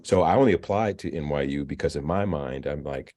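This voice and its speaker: A man in his fifties, interviewed about his career, talking in a halting way with frequent restarts and repeated words. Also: extremely low pitch, mellow. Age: 50s. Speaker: filmmaker and novelist, alumnus guest. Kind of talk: interview, conversational. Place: virtual interview.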